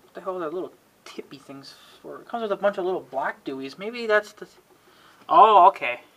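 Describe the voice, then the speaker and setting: High-pitched, pushed and bright, this man's voice moves fairly quickly with lively intonation as he shows how an antenna goes together. He's folksy and rambling, half muttering, with mild frustrated cussing and frequent throat clearing. The homemade recording is obviously noisy and has clicks.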